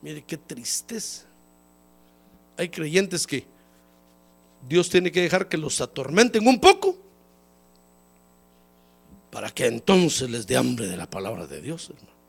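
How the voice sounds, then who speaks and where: Gravelly, lively-pitched preacher with a cold. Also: male voice, takes it slowly, long pauses. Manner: folksy, repeatedly calls listeners "hermano"; acts out quoted voices, rising high when emphatic. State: has a cold. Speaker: pastor. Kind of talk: sermon. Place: church service.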